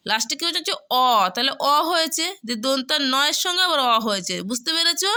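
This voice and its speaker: A woman's voice: high voice, lively intonation, pushed and bright. A woman teaching a children's spelling and vocabulary lesson, spelling words out letter by letter and often checking that the children follow. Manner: slow, patient, spells out letters one by one and keeps checking understanding. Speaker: primary school teacher.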